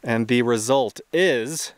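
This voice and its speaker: A young adult travel vlogger narrates slowly in a mid-range voice, easygoing and thinking aloud with little laughs. He's outdoors at a remote test site for this casual vlog.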